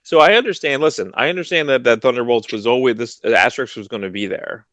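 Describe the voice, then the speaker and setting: Talking fast in a slightly bright voice, this thirties-aged man co-hosts a comics podcast from home over a video call, wearing a headset. The recording is dry. He rambles low-key through comics news, frequently starting sentences over.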